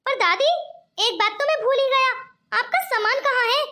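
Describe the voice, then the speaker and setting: A woman's voice: extremely high pitch, moderate pace, bright, forceful tone. A woman voicing a young male grandson, a businessman, in a cartoon, speaking in an affectionate, questioning way. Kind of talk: cartoon voice acting.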